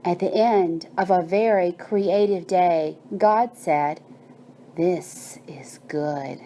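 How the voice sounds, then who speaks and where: Slow, soothing phrases come from a woman whose voice is lowish and mellow as she narrates a bedtime story and guided meditation. There is slight background noise.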